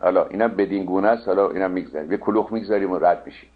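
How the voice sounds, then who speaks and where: A man lecturing on classical poetry, chanting verses slowly and correcting the wording point by point. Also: low-pitched. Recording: narrow phone-like sound.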